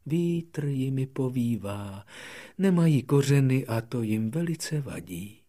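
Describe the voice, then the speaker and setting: A man voicing a small, plain female flower in an audiobook, with a gentle lilting delivery. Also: mid-range voice, animated, close to an everyday voice. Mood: wistful. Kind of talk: audiobook reading.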